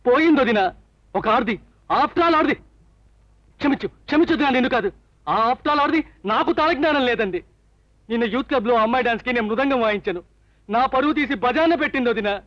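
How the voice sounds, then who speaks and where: An actor playing an excitable, lovestruck young man given to theatrical, self-pitying outbursts in a film scene. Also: very high voice, fairly quick, pauses often, no echo. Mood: melodramatic. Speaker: comic film character. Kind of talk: film dialogue. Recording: dull, lo-fi film soundtrack.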